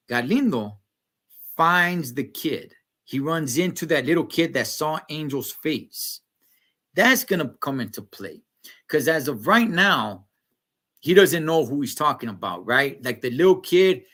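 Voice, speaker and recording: A man, casually recapping a TV episode and chatting with viewers in slangy, animated talk. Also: mid-range voice. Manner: slangy, animated, talks to chat. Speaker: show recap host.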